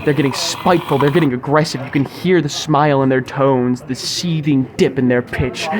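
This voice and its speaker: A little hiss or hum sits under this clip of a young podcast host recorded inside a busy sushi restaurant, with chatter all around. His voice is on the high side, and his scripted delivery is wordy, grandiose, and mock-formal.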